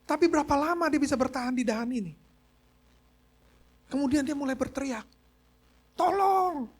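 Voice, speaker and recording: A man's voice: very high-pitched, a little fast. A man preaching a sermon as pastor, telling a story and mixing English phrases into his talk. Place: church service.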